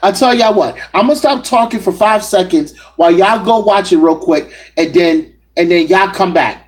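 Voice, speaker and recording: A man's voice: high voice, normal speed, poor audio. A man giving assertive, argumentative commentary on battle rap, speaking directly to his viewers. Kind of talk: opinionated solo commentary.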